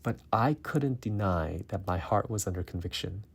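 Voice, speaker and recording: Earnest low-voiced man telling his story. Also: lively intonation, moderate pace, gravelly, slightly rough. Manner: earnest, reflective, self-deprecating. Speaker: physician and faculty mentor. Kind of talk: personal testimony storytelling.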